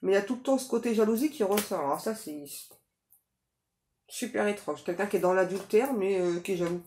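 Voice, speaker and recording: A woman's voice: medium pitch, a little fast. Lady doing a psychic reading, chatty with lots of fillers, echoey room. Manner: chatty, full of fillers and tag questions. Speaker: psychic reader. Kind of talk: casual tarot reading to viewers. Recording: echoey room, faint noise.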